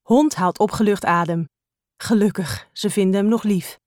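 Woman reading a kids' book aloud, expressive, dry close mic. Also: medium pitch, moderate pace, no echo. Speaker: storybook reader. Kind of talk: scripted children's story narration.

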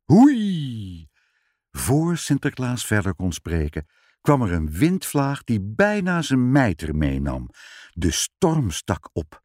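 A man reading a children's story aloud in an expressive storybook manner. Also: on the low side, takes it slowly, no echo, studio quality.

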